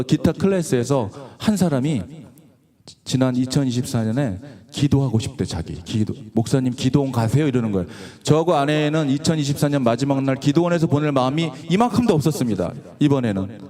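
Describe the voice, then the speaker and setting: A man's voice: fairly high pitch, darkish tone. A middle-aged man preaching a revival sermon in a church, talking in a conversational storytelling way, acting out quotes and laughing often. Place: church sanctuary.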